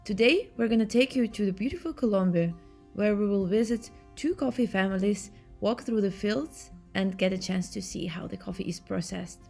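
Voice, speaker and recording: A woman's voice: mid-range voice, moderate pace, vocal fry. Woman narrating a promo over guitar. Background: soft guitar music.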